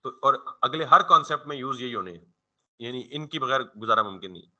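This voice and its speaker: Bright-voiced man teaching a coding class. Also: mid-range voice, expressive, a little fast, dull audio. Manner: keeps quizzing the listener with rhetorical questions and answering them; informal, conversational classroom explaining. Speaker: programming instructor. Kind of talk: coding tutorial lecture.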